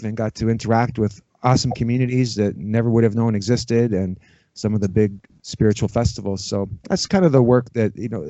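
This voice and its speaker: A middle-aged man from the Toronto area of Canada, a ritual drummer, appears as a podcast guest in a casual, rambling interview. His voice is low and mellow, and he talks informally, sprinkling in lots of "you know." The sound is muffled, roomy and echoey.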